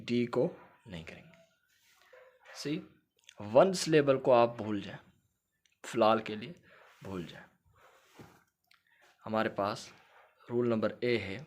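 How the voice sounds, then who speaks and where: A man gives a recorded shorthand lecture. He explains step by step, going back over each point and checking that his students follow. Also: mid-range voice. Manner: explains patiently, repeats points and checks understanding. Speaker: shorthand teacher.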